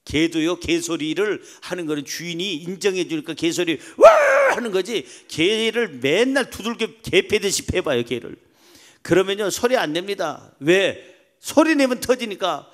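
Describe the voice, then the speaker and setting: A man preaching a Sunday sermon as pastor, emphatic, swinging between loud calls and soft asides. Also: high-pitched, lively intonation, normal speed. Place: church sanctuary.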